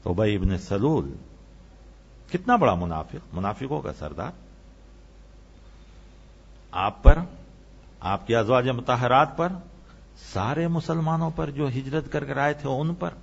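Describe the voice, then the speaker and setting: Impassioned male preacher, lively rising pitch. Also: gravelly, long pauses, slightly rough, dull audio. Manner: impassioned, rising to emphatic peaks then dropping low. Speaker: Islamic preacher. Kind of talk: sermon.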